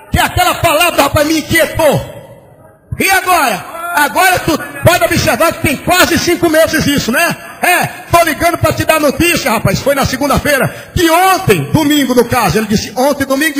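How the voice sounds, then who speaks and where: A pastor preaches in a very high voice, swinging between shouted lines and sing-song cadences as he acts out both sides of a story. The old church recording carries long hall reverb and a faint hiss. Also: normal speed. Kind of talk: sermon. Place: large church.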